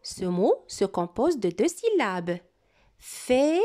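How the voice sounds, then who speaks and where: A woman teacher giving a French dictation to young pupils, repeating each word and syllable slowly and giving calm step-by-step instructions. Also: on the high side. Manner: slow, deliberate dictation with words repeated clearly. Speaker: primary school teacher. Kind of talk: classroom dictation lesson.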